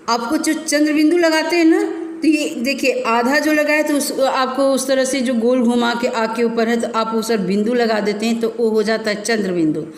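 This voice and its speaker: Woman teacher explaining grammar to kids, slow and patient, bit high voice, big echoey room. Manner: slow explaining, repeats terms, addresses children. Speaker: school teacher. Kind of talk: recorded grammar lesson for children. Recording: echoey room with long reverb.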